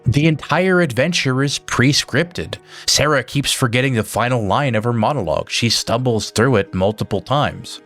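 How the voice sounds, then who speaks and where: A man's voice: mid-range voice, normal speed, few pauses, fairly bright tone, soft background music. Man narrating an emphatic video essay. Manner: emphatic, building a case. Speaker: narrator of a film analysis video. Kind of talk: scripted narration.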